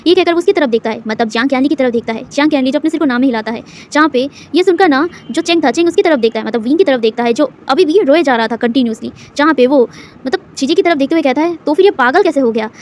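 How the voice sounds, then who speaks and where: A woman retells a fan story in a loose, conversational style. She repeats herself often and leans on fillers. Her voice is high and she moves quickly. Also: slight background noise. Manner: filler-heavy, repeats words. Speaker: fanfiction storyteller. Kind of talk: casual story narration.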